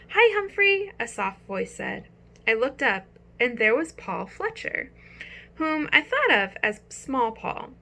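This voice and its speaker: Woman narrator, children's audiobook, bright, lively, gravelly edge. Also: fairly high pitch. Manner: expressive storytelling.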